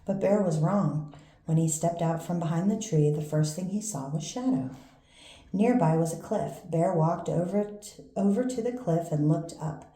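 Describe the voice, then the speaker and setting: An older woman, a grandmother, reading a children's picture book aloud in a gentle, unhurried storytelling manner. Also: on the low side. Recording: roomy echo with faint background noise.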